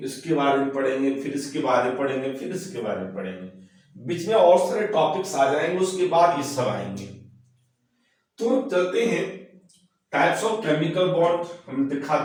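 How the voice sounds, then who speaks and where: Hoarse, slow-talking male chemistry teacher. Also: on the high side. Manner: slow, repetitive explaining, mixing English terms. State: hoarse from a cold. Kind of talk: recorded class lecture. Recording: very echoey, far-off mic.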